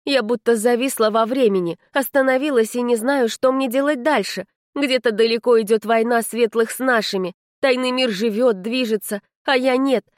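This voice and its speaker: A woman voicing a proud, touchy young vampire woman in an audiobook, speaking in a sharp, scolding way. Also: fairly high pitch, moderate pace, hardly any pauses, dry recording, studio quality, pitched above the performer's own voice, close to an everyday voice. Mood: brooding. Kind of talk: audiobook character reading.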